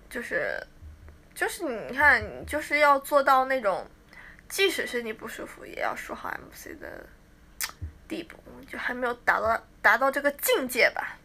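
Chatty teenage girl idol, bright voice. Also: high voice, vocal fry. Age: teens. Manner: chatty, playful, mimics fans' teasing. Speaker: idol livestreaming to fans. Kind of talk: casual livestream chat.

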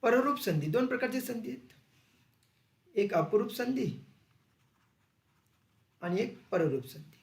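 A male teacher with a high, gravelly voice gives an exam-prep grammar lesson. He poses questions and repeats the answers slowly. The recording has a roomy echo. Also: animated. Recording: echoey room.

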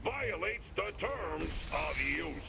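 An actor voicing a stern male security robot in a video game, with a robotic filter and clipped, flat announcements. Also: fairly high pitch, takes it slowly, over loud music, heavily acted.

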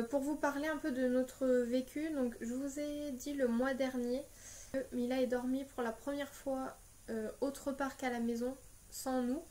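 A young woman from France giving casual parenting advice in a vlog, pausing often with fillers as she talks. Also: high-pitched, darkish tone. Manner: hesitant, many filler pauses. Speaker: parenting vlogger.

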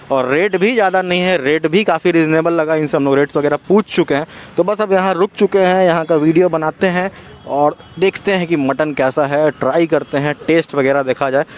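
A man talking through a face mask at an outdoor street food stall, a chatty food vlogger asking the vendor quick questions. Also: fairly high pitch. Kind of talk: casual street food vlog.

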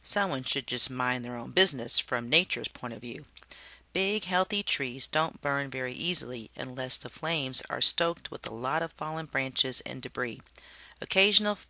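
Bright, playful storybook reader. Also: mid-range voice, moderate pace, no echo. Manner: animated, playful storytelling with sound effects. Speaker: reader of a science read-aloud. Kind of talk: expressive storybook read-aloud.

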